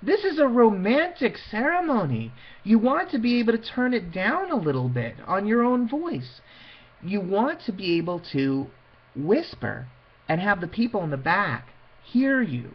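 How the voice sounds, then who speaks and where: Lecturing informally on PA systems for wedding officiants, this man has a high, sing-song voice and talks a little slowly. He's conversational and emphatic, dramatising his points with quoted asides, and the audio sounds dull.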